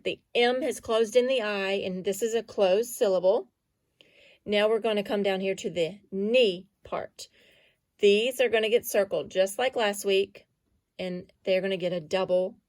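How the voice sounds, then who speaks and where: A woman's voice: medium pitch, no echo. A woman teaching a phonics lesson to young children, patiently sounding out letters and syllables.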